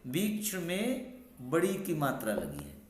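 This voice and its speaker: Slow, animated male teacher in an echoey room. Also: on the high side. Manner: repeats points with questioning "hain?" checks. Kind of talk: classroom grammar lesson.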